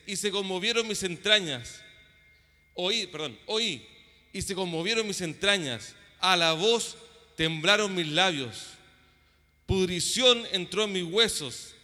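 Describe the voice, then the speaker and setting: A man with a high, bright, ringing voice gives a casual sermon with lots of fillers. His voice carries a long reverb, as if from a church hall. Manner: many fillers, asks "¿ya?" often. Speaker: worship leader.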